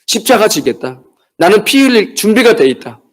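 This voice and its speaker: A man's voice: sits high, brisk. A man preaching a midweek church sermon, talking to the congregation and acting out the words of disciples and churchgoers. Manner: animated, acts out quoted voices of disciples and churchgoers. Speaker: pastor.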